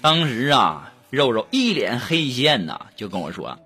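A man's voice: mid-range voice, unhurried, husky. A young man, hosting a comic monologue and chuckling through his punchlines. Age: young adult. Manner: animated joke-telling, chuckling through punchlines. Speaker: host. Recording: voice over loud background music.

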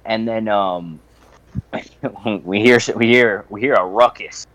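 A young man hosting a podcast, telling a story in a casual, profane, animated way with frequent laughter. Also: fairly low pitch, slow, highs cut off. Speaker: podcast host.

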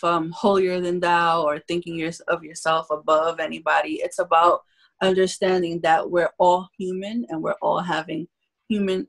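A podcast guest talking in an earnest, thoughtful way with some fillers. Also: medium pitch. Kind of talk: casual podcast conversation.

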